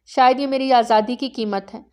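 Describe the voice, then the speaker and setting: A woman's voice: fairly high pitch, fairly even intonation, lightly acted. Woman voicing a defiant, bitter young bride. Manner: sharp, defiant.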